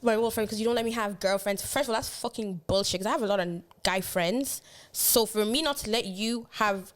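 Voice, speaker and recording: Young woman, twenties, fast slangy storyteller, co-hosting a chat podcast. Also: mid-range voice. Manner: animated, swearing, slangy storytelling. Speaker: podcast co-host.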